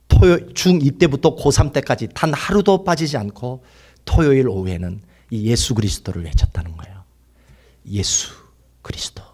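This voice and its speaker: A pastor, slightly high in pitch, delivers an impassioned sermon. He moves from shouting to whispering and has his congregation repeat lines after him.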